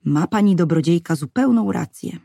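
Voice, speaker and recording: A woman voicing a courteous, flattering older male official in slow, fawning speech. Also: lowish voice, creaky, slightly rough, dry recording, studio quality, full character voice.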